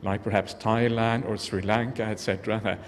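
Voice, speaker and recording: A man's voice: fairly low pitch, little pitch movement, fairly quick. A Norwegian-born man, a Buddhist monk, giving an earnest, reflective dharma talk to an audience in a large hall. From Norway. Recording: long hall reverb, faint background noise.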